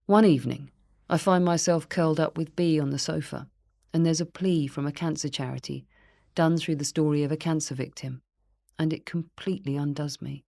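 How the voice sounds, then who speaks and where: Low-voiced woman reading her memoir. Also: steady tone, normal speed, gravelly, dry recording, studio quality. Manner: quiet, earnest, reflective. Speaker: memoir narrator. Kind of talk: first-person memoir reading.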